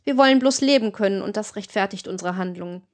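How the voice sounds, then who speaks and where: A woman's voice: mid-range voice, quick pace, lightly acted. A woman voicing a cynical, hard-hearted older female gang leader, lecturing with scorn. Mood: scornful.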